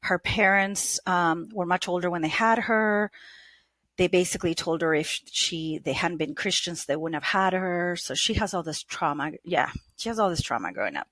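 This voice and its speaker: A woman's voice: fairly low pitch, expressive, normal speed, fairly bright tone, no room sound. A woman from Argentina, telling her story as a podcast guest in a chatty way, with frequent ums and restarts. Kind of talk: casual interview storytelling.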